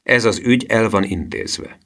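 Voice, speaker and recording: A man voicing a bossy, quick-tempered boy who leads a gang of children, reading him as a commanding figure in an audiobook. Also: on the low side, fairly bright tone, voice pushed up. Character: bossy excitable boy leader, the professor.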